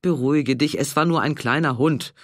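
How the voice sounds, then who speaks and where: A man voicing a mild, hesitant woman in her sixties in an audiobook, soft-spoken and a little apologetic. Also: low-pitched, normal speed, dry recording, studio quality. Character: mild, hesitant older married woman, easily embarrassed. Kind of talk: audiobook character voice.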